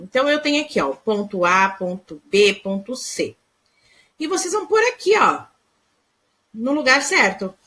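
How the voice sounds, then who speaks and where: A woman's voice: fairly high pitch, fairly bright tone. A woman teacher with a Brazilian Portuguese accent, patiently explaining a lesson to young pupils step by step. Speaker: primary school teacher. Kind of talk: recorded remote class explanation.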